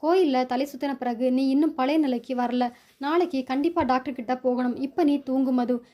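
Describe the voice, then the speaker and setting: A gentle young husband who talks softly and with care, as a woman storyteller reads his lines. The voice sits high and has a warm, dark tone. It is a storybook reading. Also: fairly even intonation, normal speed, natural voice. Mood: caring. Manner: soft, caring.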